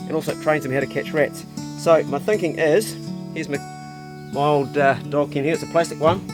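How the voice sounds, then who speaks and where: A man with a broad New Zealand accent and a fairly high-pitched voice talks through a casual vlog. He thinks aloud as he demonstrates, blokey and colloquial, with loose swearing. Music is clearly heard along with his voice. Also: fairly even intonation, normal speed. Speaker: outdoor vlogger.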